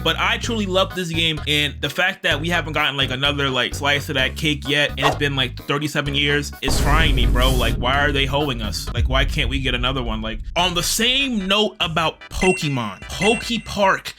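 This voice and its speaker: A young man rambling excitedly and in slang about old video games he loves, as host of his gaming channel. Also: a little high, moderate pace, few pauses, music in the background. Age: young adult. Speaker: gaming YouTuber. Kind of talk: casual gaming commentary vlog.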